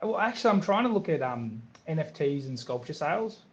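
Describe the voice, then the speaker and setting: Man, 40s, podcast guest; animated storyteller who repeats himself, high voice. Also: brisk, highs cut off. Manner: animated, repeats words, acts out others in quotes. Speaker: podcast guest, business owner. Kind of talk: casual interview chat.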